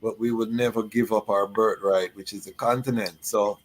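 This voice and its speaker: A man hosting a live talk show, asking questions in a halting way with many fillers. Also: fairly low pitch, steady tone, noisy background. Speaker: host. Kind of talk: conversational interview.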